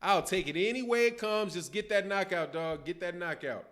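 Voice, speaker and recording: His voice sits high with a fairly bright tone and a moderate pace. A middle-aged boxing channel host with a Chicago accent, he chats loosely and with plenty of slang while reading comments on his livestream. He's indoors in a dim home room, seated at a desk with a webcam mic.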